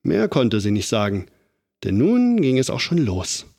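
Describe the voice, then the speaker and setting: Male storyteller, middle-pitched, expressive and lively children's book reading. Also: measured pace, gravelly. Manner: animated, dramatic build-ups.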